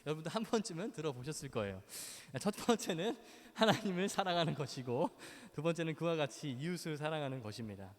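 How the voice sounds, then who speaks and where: Male youth pastor, lively and joking with the kids, slightly high voice, echoing church hall. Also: quick pace, few pauses. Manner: playful, acts out quoted lines, asks the kids questions. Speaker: youth ministry preacher. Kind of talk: sermon to teenagers.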